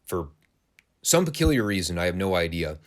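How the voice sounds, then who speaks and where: A man's voice: sits low, sing-song, moderate pace. A man hosting a wrestling podcast, giving a casual, sarcastic and crude play-by-play review of an old broadcast. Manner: sarcastic, crude, dry humor.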